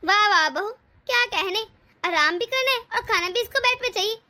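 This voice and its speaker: A woman's voice: very high-pitched, lively intonation, moderate pace, bright, forceful tone, full character voice. A taunting, scolding cartoon mother-in-law, voiced by a woman. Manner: taunting, sarcastic. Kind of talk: cartoon voice acting.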